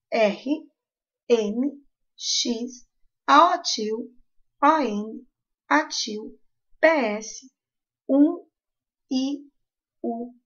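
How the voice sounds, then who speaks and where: A woman teacher with a southern Brazilian accent, explaining a grammar lesson slowly and carefully to her class. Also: on the high side, dull audio. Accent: southern Brazilian Portuguese.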